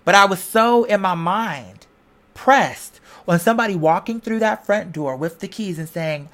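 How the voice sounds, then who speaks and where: An online video creator gives a pep talk in an animated, unhurried, medium-pitched woman's voice. Her motivational monologue is informal, slangy, and conversational, with emphatic repetition like a preacher's.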